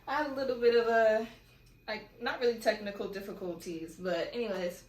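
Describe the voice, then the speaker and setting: A woman's voice: a little high, steady tone, a little fast. A young woman from California chatting casually and rambling through a Q&A vlog at home. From California, USA. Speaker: vlogger. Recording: echoey room with faint background noise.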